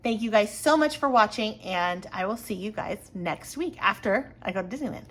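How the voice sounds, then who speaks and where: A woman's voice: medium pitch, expressive, normal speed, a bit bright. A woman in her thirties, chatting casually to camera at home while planning, with a slight frog in her throat and lots of fillers. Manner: chatty, rambling with many fillers. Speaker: planner vlogger.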